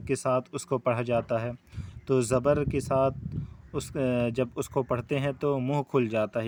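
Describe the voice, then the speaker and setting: Brief: patient male Quran teacher with an Urdu accent, mid pitch, slow careful letter drills. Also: a little mellow. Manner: patient, explains step by step, drills letter sounds slowly. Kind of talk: beginner reading lesson.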